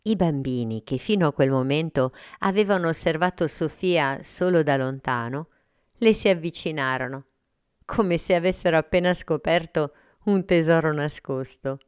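A woman reading a children's story aloud in a calm, clear manner. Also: sits low, moderate pace, no echo.

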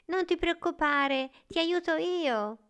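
A woman's voice: very high voice, slow, pitched above the performer's own voice, full character voice. A woman voicing a kind, eager young boy in a storybook reading. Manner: bright, childlike and eager.

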